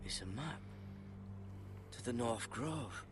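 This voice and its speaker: A man's voice: mid-range voice, expressive, slow pace, noisy background. An actor playing an earnest young man sworn to a frontier guard in a video game, wry and wondering.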